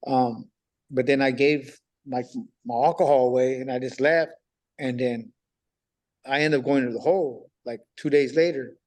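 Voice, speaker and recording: A man recounting his own story as a podcast guest, in loose, casual street talk. He acts out old conversations line by line and often repeats himself for weight. His pitch sits in an ordinary middle range. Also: steady tone, moderate pace, darkish tone. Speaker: podcast guest recently released on parole. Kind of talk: telling a personal story in conversation.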